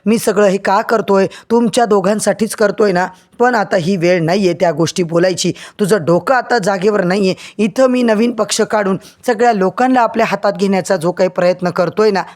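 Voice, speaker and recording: A man's voice: high-pitched, fairly even intonation, fairly quick, few pauses, close to an everyday voice. A man voicing a stern older father and politician, scolding and warning his son.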